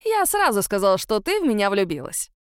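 A woman's voice: mid-range voice, very animated, fairly quick, clean tone, dry recording, clean studio sound, close to an everyday voice. Woman voicing a cocky teasing young man. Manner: playful, boastful banter.

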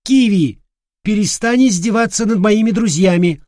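A man voicing a calm, firm young woman in an audiobook. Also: fairly high pitch, moderate pace, husky, no room sound, clean studio sound, voice pushed up. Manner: level, commanding. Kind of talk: audiobook character voice.

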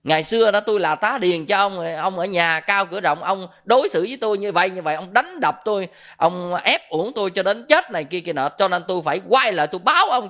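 A resentful son in a retold parable hurls accusations at his wealthy father in a quick, hard-pressing rush, as a Southern Vietnamese monk puts him on. The voice stays close to an everyday man's. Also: high-pitched, sharp tone, heavily acted. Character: bitter reborn son confronting his rich father.

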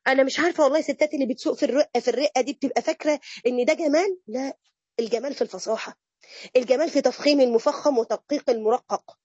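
A woman with an Egyptian accent giving a religious lesson to women, lively and mixing classical phrases with colloquial chat. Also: sits high, very fast, husky, no echo, muffled recording. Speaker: religious teacher.

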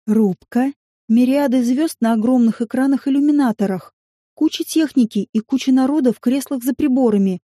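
Mellow-voiced woman reading a novel aloud. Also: high-pitched, moderate pace, dry recording, studio quality. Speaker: audiobook narrator. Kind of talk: first-person novel narration.

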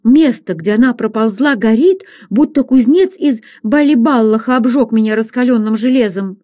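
A woman's voice: fairly high pitch, lively intonation, moderate pace, mellow, no room sound, lightly acted. A woman reading aloud, voicing a panicked, superstitious Irish servant man who wails and pleads frantically. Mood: frantic, wailing.

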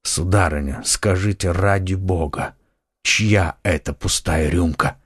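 A man reading an audiobook and voicing a grim, brooding male musketeer who speaks in a hoarse, heavy tone. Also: dry recording, clean studio sound. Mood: grave. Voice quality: hoarse, low. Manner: slow, heavy, somber. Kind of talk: audiobook character voice.

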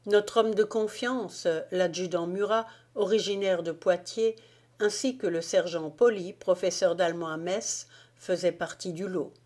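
Slow, low-voiced woman audiobook reader. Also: darkish tone. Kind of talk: audiobook narration of a wartime memoir.

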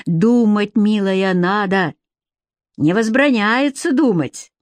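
A woman's voice: medium pitch, lively intonation, slow pace, no room sound. A woman reading a condescending male TV boss. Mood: mocking. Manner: mocking, condescending, lecturing. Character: domineering middle-aged male TV boss. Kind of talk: audiobook character reading.

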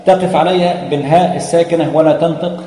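Guy teaching recitation rules, warm mellow voice, lots of uhs, big echoey room. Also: on the high side, fairly even intonation. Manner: measured, explains with many hesitations, chants verse. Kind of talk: explanatory lesson on tajweed. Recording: echoey room with long reverb.

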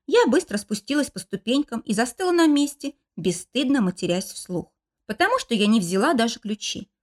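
A woman's voice: on the high side, big pitch swings, normal speed. A woman narrating a first-person romance novel as an audiobook, telling the story expressively.

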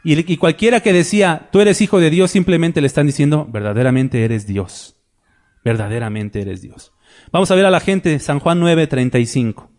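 A man preaches, his voice sitting a little high. He reads scripture and acts out the voices in the stories. He keeps checking in with rhetorical tag questions. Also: a little fast, few pauses, darkish tone. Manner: retells Bible scenes with shifting voices. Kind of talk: sermon with scripture reading.

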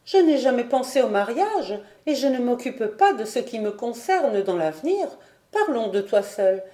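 A woman's voice: medium pitch, normal speed, dark tone, roomy sound, close to an everyday voice. A woman voicing an anxious, tender young daughter who pleads with her father in a storybook reading. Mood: distressed. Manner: pleading, urgent questions.

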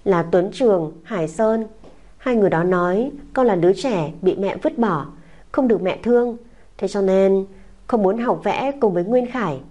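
This audiobook character voice comes from a woman whose medium-pitched, warm voice sounds close to everyday speech, at a moderate pace. She portrays a small boy pleading tearfully and clinging, whining between sobs.

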